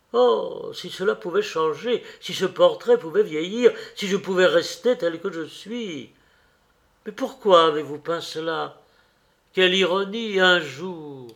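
A man's voice: sits high, vocal fry, fairly bright tone, pitched above the performer's own voice, heavily acted. A man reading a classic novel aloud, voicing an anguished, vain young man obsessed with youth, in an impassioned, pleading, theatrical manner. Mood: despairing.

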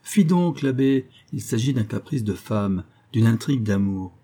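A man's voice: medium pitch, lively intonation, normal speed, dark tone, natural voice. A man voicing a sinister, mysterious male stranger who speaks insistently and with menace in an audiobook. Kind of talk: audiobook character voice.

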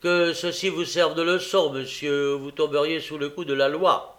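A man reading aloud and voicing a gruff, grumbling male police magistrate who scolds harshly. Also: on the high side, fairly even intonation, moderate pace, fairly bright tone, pitched above the performer's own voice, close to an everyday voice. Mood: scolding.

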